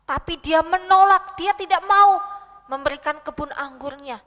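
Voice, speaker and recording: A sulking king grumbles and whines in a raised, bright, sharp voice, as a woman acts him out. He speaks slowly, and the voice rings with a long hall echo. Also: very high-pitched. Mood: complaining. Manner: whiny, petulant complaining. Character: sulking angry male king.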